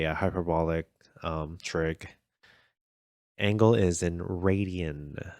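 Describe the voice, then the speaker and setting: A man's voice: low voice, a bit bright, no echo, clean studio sound. A man hosting a casual coding tutorial, thinking aloud in a chatty, self-deprecating way with plenty of fillers. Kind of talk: casual code-along explanation.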